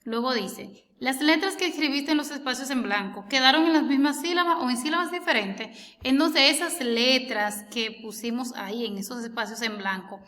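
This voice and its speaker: A woman's voice: sits high, bright, forceful tone, big-room sound. A woman teacher patiently explaining a homework lesson, stretching out words as she sounds them out and asking the listener questions. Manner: asks the listener rhetorical questions.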